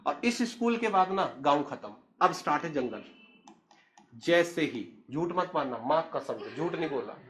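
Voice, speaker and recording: A man's voice: a little high, very animated, normal speed, a bit bright. A man, telling a story in a chatty, humorous way and speaking straight to the listener. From Uttarakhand, India. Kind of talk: casual spoken storytelling.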